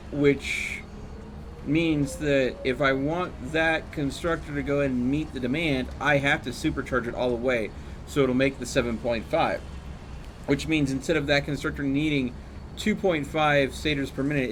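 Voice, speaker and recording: While streaming a game, this man chats casually in a slightly bright, mid-range voice with a bit of background noise. He thinks out loud and walks through numbers as he plays.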